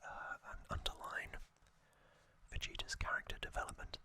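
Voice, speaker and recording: In short, gentle phrases with drawn-out pauses, an ASMR host recaps for a whispered trivia channel. The voice stays near the mic as a soft, breathy whisper that is mostly unvoiced.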